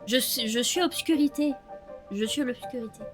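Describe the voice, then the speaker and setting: A young let's play streamer with a cold, her voice stuffy and a little nasal, chats casually to viewers at home while gaming, laughing often. She speaks at a fairly high pitch and moderate pace, with game music playing behind her.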